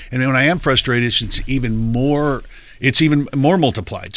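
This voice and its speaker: A middle-aged man hosting a podcast with a loud voice, talking passionately and often restarting his sentences. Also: medium pitch, no echo. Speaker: podcast host. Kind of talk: casual podcast conversation.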